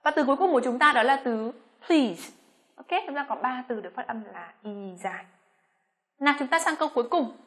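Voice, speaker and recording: A Vietnamese woman teaching English pronunciation, speaking slowly on her model words between quicker explanations. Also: high-pitched, animated, a bit bright. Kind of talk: pronunciation lesson.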